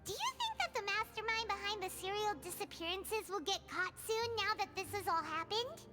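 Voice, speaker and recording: A woman voicing a tiny, chatty female fairy-like companion in a game, excitable and referring to herself in the third person. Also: very high voice, a little fast, over loud music. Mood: chipper. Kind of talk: game voice acting.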